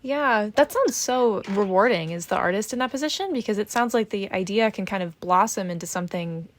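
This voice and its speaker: A woman's voice: medium pitch, brisk. A woman co-hosting a podcast over a call, responding with short, encouraging affirmations. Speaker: podcast co-host. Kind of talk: casual interview chat.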